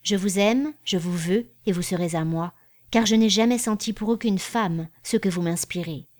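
A woman's voice: mid-range voice, moderate pace, darkish tone, natural voice. A woman reading the part of a bold, cynical young male journalist from Paris who is brash and insistent, in a storybook reading.

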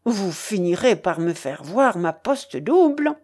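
A woman's voice: mid-range voice, very animated, slow, darkish tone. A woman voicing a rustic middle-aged village mayor, hearty, rambling and tipsy. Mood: jovial.

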